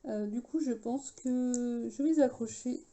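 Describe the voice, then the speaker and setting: Brief: woman DIY host with a slight English accent, unhurried, very soft and warm tone, chatty with frequent pauses and fillers. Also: fairly high pitch, poor audio. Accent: English-tinged French. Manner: chatty, hesitant with many fillers. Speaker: craft tutorial host. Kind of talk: casual DIY tutorial.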